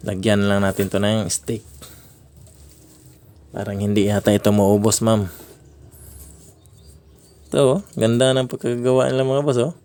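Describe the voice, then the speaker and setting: A man from the Philippines casually unboxing fireworks for his vlog, naming each item slowly with frequent chuckles. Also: lowish voice, level tone, a little mellow. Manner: slow, drawn-out naming of items, frequent chuckles. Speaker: fireworks vlogger.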